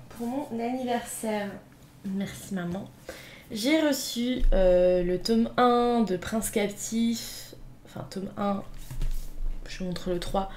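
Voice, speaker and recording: A woman's voice: medium pitch, a little mellow, a little hiss or hum. Chatty woman book vlogger. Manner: chatty, with many fillers and playful asides. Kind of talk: casual unboxing chat.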